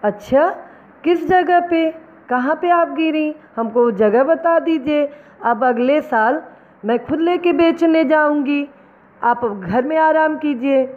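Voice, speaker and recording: Brief: a woman doing a high, shrill young daughter-in-law, greedy and pushy, storybook telling, tinny phone-like sound. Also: slow pace. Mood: eager.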